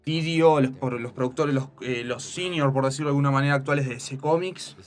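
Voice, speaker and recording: A man's voice: mid-range voice, steady tone, a little fast, soft background music. A man co-hosting a radio show, chatting loosely about comics with many restarts. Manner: rambling, many restarts and fillers.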